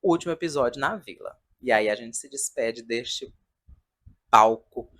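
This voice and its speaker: A man's voice: medium pitch, a little slow, a bit bright. A man in his thirties giving a casual, chatty and sentimental review in a vlog, talking in front of a decorated wall at home. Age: 30s. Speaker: video reviewer of a comedy show.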